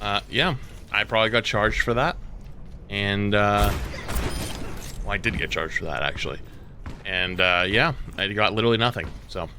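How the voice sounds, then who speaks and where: A man's voice: on the low side, normal speed, pauses often, pushed and bright, a little hiss or hum. A man, a streamer, telling a story in a rambling, exasperated, sometimes profane way. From United States. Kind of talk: casual storytelling.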